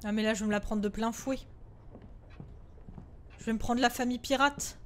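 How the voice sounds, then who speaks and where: A woman's voice: fairly high pitch, steady tone, moderate pace, slight background noise. A woman streaming a horror game live, jittery and swearing often as she scolds the ghosts on screen. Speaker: gaming streamer. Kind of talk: live horror gameplay commentary.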